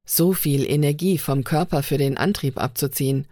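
A cautious young male technician, calm and measured with a lowish tone, as a woman reads him in a storybook. The sound is dry and close. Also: dry recording, lightly acted.

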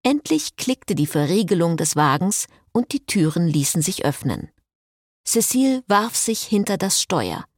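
A woman reading a novel aloud as narrator in an expressive style. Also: fairly low pitch, a little slow, no echo, studio quality. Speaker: audiobook narrator. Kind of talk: scripted narration.

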